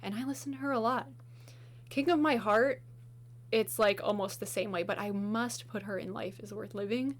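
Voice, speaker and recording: A woman chatting casually as she ranks songs, gushing and enthusiastic, with lots of filler words and a slightly hoarse voice. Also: mid-range voice, moderate pace. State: slightly hoarse, losing her voice. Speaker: video host. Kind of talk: casual music ranking chat.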